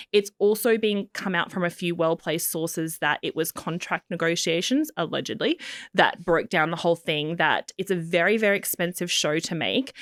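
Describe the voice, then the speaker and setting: A woman's voice: fairly low pitch, dry recording, clean studio sound. A young woman co-hosting a chat show, telling stories with animation and acting out quotes. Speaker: podcast co-host. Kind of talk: casual chat.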